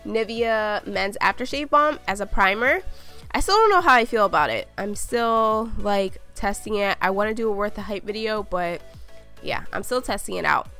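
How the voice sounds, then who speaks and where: A woman's voice: medium pitch, bright, forceful tone, clean tone. A woman chatting casually as a beauty vlogger, a little out of breath, narrating each makeup step as she works.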